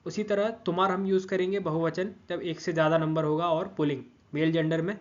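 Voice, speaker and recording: A man's voice: fairly high pitch, level tone, brisk. Patient man teaching grammar, lo-fi. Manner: patient, repeats each form, checks in with frequent "theek". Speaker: language teacher. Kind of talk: explanatory grammar lesson.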